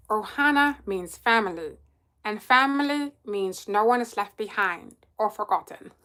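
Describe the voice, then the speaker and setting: A woman voicing a small mischievous male alien creature in a gravelly put-on voice. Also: medium pitch, expressive, takes it slowly, sharp tone. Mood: earnest.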